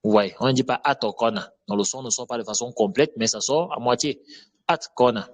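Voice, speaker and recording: A man teaching Quranic pronunciation, repeating each word slowly and correcting common mistakes. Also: medium pitch. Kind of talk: slow step-by-step pronunciation lesson.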